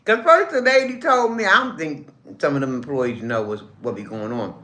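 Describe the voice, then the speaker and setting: A woman's voice: extremely low pitch, animated, moderate pace, pushed and bright. Woman, livestream host, casual lunch chat, calls people honey, talks while eating, roomy echo. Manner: chatty, calls viewers baby and honey; talks while chewing, hums over food.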